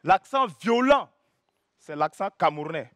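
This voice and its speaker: A man performing a comic stand-up story, animated and bursting into loud exclamations. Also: sits high, a little slow, dry recording, studio quality. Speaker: stand-up comedian.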